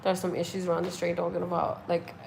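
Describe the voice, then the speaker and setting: A woman's voice: on the low side, monotone, fast, vocal fry, a little mellow, slight background noise, rough recording. A young woman from India, chatting casually to her viewers at home in a rambling way, with lots of fillers and restarts. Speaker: vlogger.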